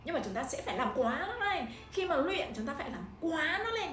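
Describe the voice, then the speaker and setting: A Vietnamese-accented woman tutor giving an instructional language-learning talk, animated and exaggerating intonation when demonstrating. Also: high-pitched, brisk. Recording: echoey room, somewhat distant mic, faint noise.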